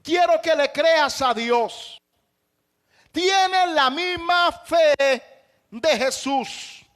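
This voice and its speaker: High-voiced impassioned male pastor preaching. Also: drawn-out words. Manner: impassioned preaching with shouted emphases. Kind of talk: sermon.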